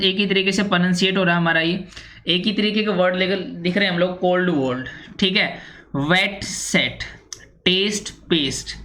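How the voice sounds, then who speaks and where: Woman teaching with steady fillers. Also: on the low side, slight background noise. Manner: repetitive, with constant "theek hai" and "ji" fillers. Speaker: English teacher. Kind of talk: explanatory lesson.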